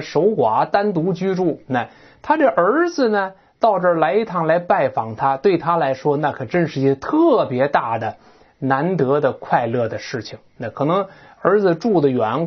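Lively husky male English teacher. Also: a little high. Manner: animated explaining with rhetorical questions and asides. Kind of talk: recorded vocabulary and text lesson. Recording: dull lo-fi lesson recording.

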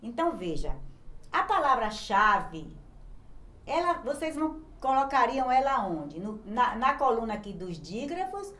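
A woman's voice: fairly high pitch, sing-song, a little slow, fairly bright tone, echoey room, poor audio. A woman teacher with a Brazilian Portuguese accent giving a recorded grammar lesson to young children, patiently spelling out letters one by one. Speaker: primary school teacher.

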